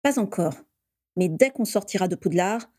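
A woman voicing a brooding, resolute teenage boy wizard with a low, muffled way of speaking. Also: lively intonation, normal speed, a little mellow, no room sound, clean studio sound, natural voice. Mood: grave.

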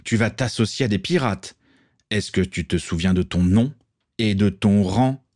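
A man's voice: on the low side, measured pace, a little mellow, no room sound, clean studio sound, close to an everyday voice. A man reading aloud, voicing a stern aristocratic father who questions his son reproachfully, in a storybook reading.

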